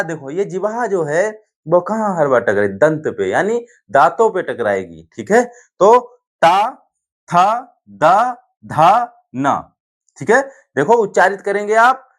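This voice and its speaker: A male teacher giving a grammar lesson, often asking a question and then answering it himself. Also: high-pitched. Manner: repetitive, asks and answers his own questions.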